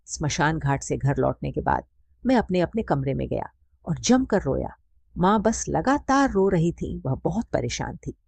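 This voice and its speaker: A woman's voice: low-pitched, sing-song, a little slow, vocal fry, darkish tone, slightly rough, no room sound. A woman giving a mournful, scripted first-person story narration.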